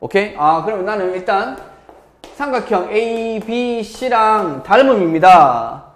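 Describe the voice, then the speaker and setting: A man's voice: high-pitched, lively intonation, unhurried. A man teaching a live math class, quizzing students and checking in with them constantly. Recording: echoey classroom.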